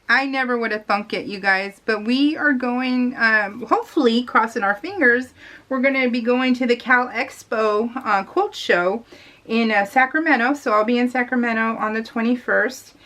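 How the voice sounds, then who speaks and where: A middle-aged American woman with a fairly high, fairly bright voice chats at normal speed over her crafting footage as a craft video blogger. She tells personal stories in a loose, giggly, rambling way, acting out conversations from memory.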